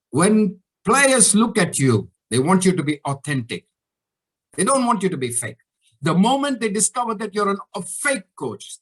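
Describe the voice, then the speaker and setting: A man giving a motivational talk to coaches, telling a story in an animated, emphatic way. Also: fairly high pitch. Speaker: coach educator.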